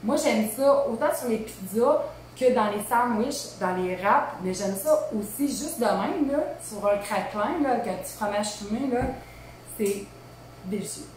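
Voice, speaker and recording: A woman's voice: a little high, a little slow, darkish tone. Woman, Québécois accent, chatty cooking host, very echoey kitchen, faint background hum. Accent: Québécois French. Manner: chatty and informal, lots of fillers and asides. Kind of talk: casual live cooking demo. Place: home kitchen.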